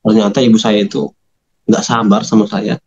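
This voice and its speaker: A man telling his conversion story in an interview, animated, acting out quoted dialogue in a raised voice. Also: fairly low pitch, normal speed, gravelly, dull audio, slight background noise. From Medan, North Sumatra.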